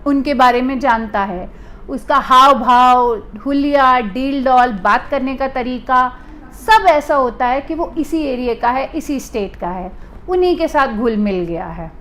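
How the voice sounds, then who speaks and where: A woman from India with a high voice gives an explanatory talk to the camera. She speaks deliberately as a private detective and repeats key points for emphasis. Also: expressive, a bit bright, slight background noise. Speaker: private detective agency owner.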